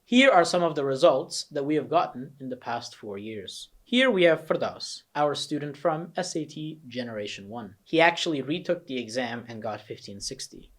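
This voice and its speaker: Animated and speaking at a normal pace in a mid-range voice, this young American coach promotes his test prep course by walking students through it. He's emphatic, earnest, and persuasive.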